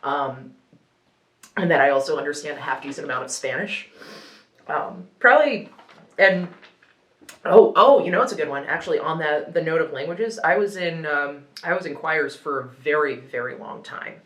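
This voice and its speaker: Her voice sits low and sounds expressive and fairly bright, at a normal pace in an echoey room. She's a young radio news presenter whose first language is Ukrainian, laughing and rambling through a spicy hot wing challenge in casual conversation.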